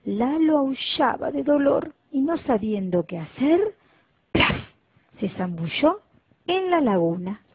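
A woman reads a children's story in a slow, lively, sing-song way, her voice a little high and breathy. The recording is dry and thin, with a tinny, phone-like band. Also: no room sound.

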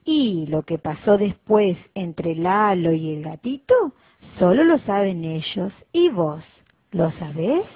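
Woman reading a kids story real slow and lively, breathy, sounds like over a phone. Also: lowish voice, no room sound. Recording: tinny phone-like dry recording.

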